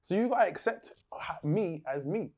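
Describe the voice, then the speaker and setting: An easygoing man hosts a casual interview and jumps in eagerly on his guest's ideas. His voice sits fairly high. It rises and falls in a lively way. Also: moderate pace. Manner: easygoing, upbeat, eager to join in. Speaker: host.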